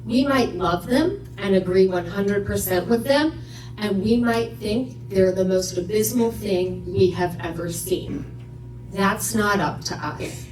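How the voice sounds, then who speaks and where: A woman's voice: mid-range voice, a little slow, darkish tone, a little hiss or hum. A woman speaking as a local candidate, giving a firm and direct campaign speech. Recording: echoey room, far from the mic.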